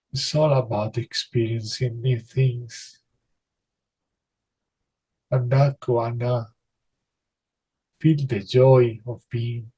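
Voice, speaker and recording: A man leading a spiritual healing session, speaking calm guidance and intoning flowing made-up syllables in a soft, meditative way. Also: mid-range voice, husky, rough recording. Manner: soft, unhurried, meditative delivery. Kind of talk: channeled light-language guidance.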